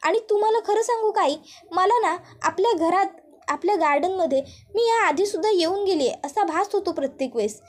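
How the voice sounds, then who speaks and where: Woman playing a troubled young wife in a TV serial recap, earnest and pleading, voice pitched very high. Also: animated, a little fast.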